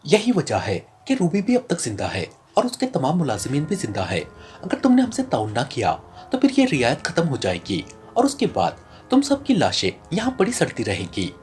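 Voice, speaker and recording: A narrator voicing a calculating male secret agent who speaks in a flat, icy, menacing tone in an audiobook. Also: medium pitch, moderate pace, a little hiss or hum. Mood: cold. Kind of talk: audiobook character reading.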